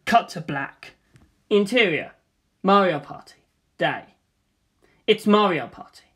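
Deadpan narrator reading a screenplay. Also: medium pitch, takes it slowly, slightly rough.

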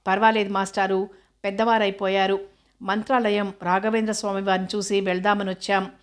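Woman narrator doing a polite man in a storybook, respectful and flat in tone. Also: mid-range voice, brisk, natural voice. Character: polite grown man, former pupil.

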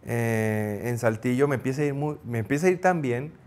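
A middle-aged man with a Mexican accent, a former goalkeeper, telling an anecdote in an interview, acting out the shouts he quotes. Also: mid-range voice, animated, a little fast. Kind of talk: storytelling in an interview.

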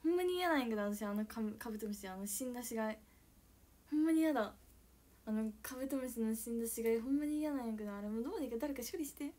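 Young woman, Okayama accent, fairly high voice, casual live-stream chat, squeals and giggles, sudden whispers. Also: fast. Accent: Okayama Japanese. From Okayama, Japan. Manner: animated, swings from squealing shouts to soft whispers, frequent giggles.

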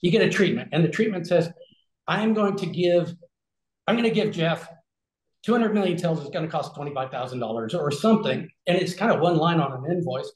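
Speaking through a webcam from a small indoor room with shelves and noticeable echo, this regenerative health concierge, a man in his forties, gives a casual explanation on a video call. His somewhat high voice has lively intonation and moves a little fast. He rambles conversationally, restarting sentences and dropping fillers while gesturing.

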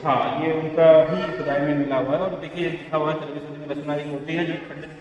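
A man guiding visitors through a museum gallery, explaining exhibits in a steady, pointing-out manner. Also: on the high side, fast, lo-fi sound, a little hiss or hum. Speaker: museum guide. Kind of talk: guided tour explanation. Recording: distant, echoey hall, crowd behind.

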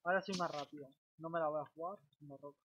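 A man's voice: on the high side, steady tone, racing, a bit bright. Young guy, gamer grumbling about his luck, noisy voice chat. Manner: groaning, complaining about bad luck. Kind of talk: casual gaming chat.

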